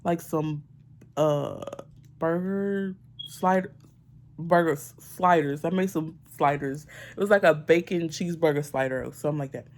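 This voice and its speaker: A woman's voice: low voice, measured pace. Ranting, profane young woman vlogger. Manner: animated, profane, exasperated ranting; colloquial slang-heavy speech. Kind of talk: casual storytime vlog.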